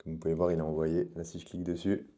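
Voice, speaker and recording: Fast-talking, deep-voiced man teaching. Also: completely flat delivery, mellow. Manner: fast, chatty, addresses the viewer directly. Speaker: online business coach. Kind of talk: casual tutorial.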